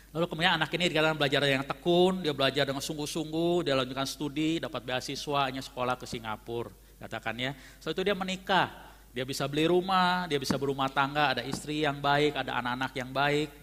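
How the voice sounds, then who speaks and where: A pastor delivers an emphatic, fervent sermon, rushing the words along. His voice sits a bit high. It carries the long reverb of a church hall. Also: fairly bright tone. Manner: fervent, emphatic, addresses listeners as brethren. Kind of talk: sermon with storytelling.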